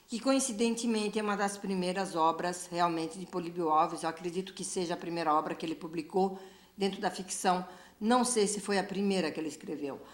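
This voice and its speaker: A woman from Brazil with a Brazilian Portuguese accent, giving a measured, reflective testimony as a literature professor and pausing often with fillers. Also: lowish voice. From Brazil, São Paulo. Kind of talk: recorded testimony, speaking to camera. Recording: echoey room.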